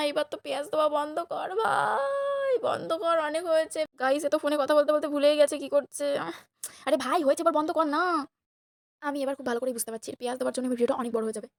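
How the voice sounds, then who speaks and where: A young woman with a Bengali accent, slightly hoarse, chatting and teasing her friends as she narrates a casual vlog to viewers. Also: a little high, a little mellow, no echo. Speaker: vlogger.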